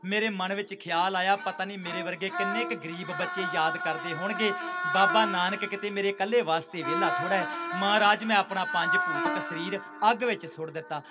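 Impassioned man preaching over loud music. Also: high voice, a little fast. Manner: impassioned, rising from hushed tearful telling to loud pleading. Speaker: dhadi preacher. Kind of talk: emotional sung-spoken religious storytelling. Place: stage at a village religious gathering. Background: loud instrumental music.

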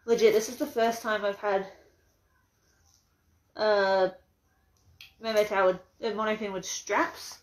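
Her mid-range voice barely shifts in pitch, and she speaks slowly with long pauses, yet she stays chatty and giggly, rambling and laughing a lot. A young Australian woman, she's a vlogger unboxing something live on her phone, which sits propped on a mug in her small, untidy bedroom.

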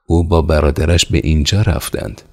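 A man voicing a callous Cossack commander who talks in a cold, falsely calm and menacing way. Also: very deep voice, vocal fry, soft background music, full character voice. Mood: falsely polite.

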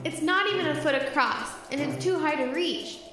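A woman's voice: sits high, moderate pace, close to an everyday voice. A woman playing a caring, anxious young girl in an audio drama. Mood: urgent. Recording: very echoey, music underneath.

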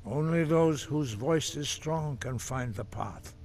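A man voicing a solemn, stern old monk in a video game, speaking in a grave, measured, lecturing way. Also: a little high, darkish tone, a little hiss or hum. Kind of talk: game character dialogue.

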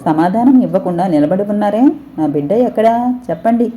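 A woman's voice: medium pitch, lively intonation, normal speed, warm tone, a little hiss or hum, voice pushed up, natural voice. A woman voicing a young new mother who frantically and insistently asks where her baby is. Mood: pleading, desperate. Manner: pleading, insistent questioning.

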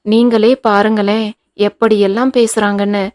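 A woman's voice: medium pitch, flat delivery, normal speed, a little mellow, natural voice. A woman voicing a scheming young daughter-in-law who pleads with feigned innocence, in an audiobook reading. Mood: pleading.

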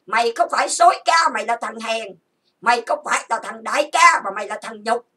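A high-voiced woman rants in anger, hurling accusations and stacking grievance after grievance. Her tone is bright and sharp with a husky edge. She sits some way off from the mic. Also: fairly quick, recorded from a distance. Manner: accusatory, insulting, repetitive listing. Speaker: channel host. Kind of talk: angry ranting monologue.

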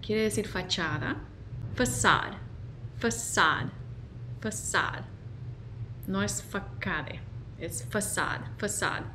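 A woman teaching pronunciation, repeating each word slowly and carefully as a language teacher. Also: mid-range voice, bright, forceful tone, slight background noise. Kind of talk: pronunciation lesson.

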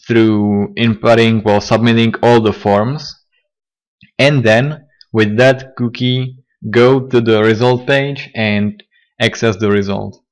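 A man teaching a coding tutorial, a little hoarse and talking haltingly with fillers and restarts. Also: medium pitch. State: slightly hoarse, losing his voice. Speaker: programming tutor. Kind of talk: screen-recorded coding tutorial.

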